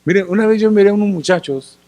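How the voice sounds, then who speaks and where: Conversational pastor, higher voice. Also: male voice, quick pace, dark tone. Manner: conversational, asks the congregation questions often; acts out little scenes and gestures. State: tired after working in the sun. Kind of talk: sermon.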